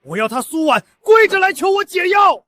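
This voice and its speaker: A snarling scheming villain boss. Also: male voice, very high-pitched, big pitch swings, normal speed, bright, forceful tone, dry recording, raised voice, clean studio sound, full character voice. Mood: furious. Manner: snarling threats, sneering. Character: scheming male villain boss, furious and gloating.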